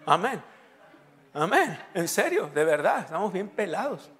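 A Mexican-accented pastor in his forties preaches in a joking, storytelling way. His voice sits a little high for a man. He teases his listeners as he goes. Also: sing-song, a little slow, a bit bright. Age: 40s. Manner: humorous storytelling, joking with the congregation. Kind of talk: sermon.

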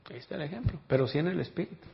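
A man preaching a sermon, moving from hushed storytelling to loud, fervent exclamations. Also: a little high, animated, rapid-fire, vocal fry. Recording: dull lo-fi recording.

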